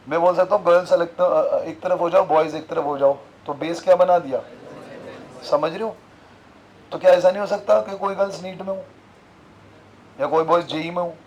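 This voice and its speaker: A man's voice: on the high side, a little mellow, highs cut off, slight background noise. A man teaching a physics class, constantly asking his students questions and repeating the key terms. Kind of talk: classroom lecture.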